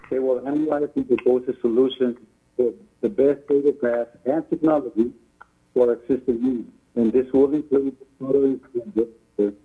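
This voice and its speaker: A man with a somewhat husky voice calls in to a board meeting over a tinny phone line that crackles and drops out. He reads a prepared report in a formal, polite way and answers questions with deference. His mid-range voice sounds thin and squeezed through the call. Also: medium pitch. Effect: heard over a phone line that breaks up. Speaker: utility staff member presenting a report.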